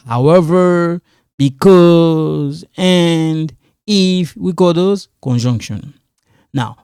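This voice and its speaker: This man's voice is a little high and slightly mellow, with vocal fry, recorded in clean studio quality without room sound. Teaching an English grammar lesson as a non-native speaker, the ESL teacher explains casually and repetitively, frequently asking "all right?" to check in.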